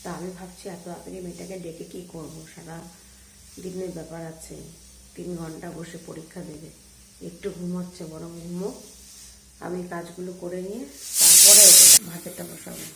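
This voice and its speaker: A woman's voice: fairly low pitch, level tone, moderate pace, gravelly, roomy sound, heavy background noise. A middle-aged woman vlogging casually as a mother, chatting as she goes about her kitchen chores. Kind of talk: casual vlog narration. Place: home kitchen, indoors.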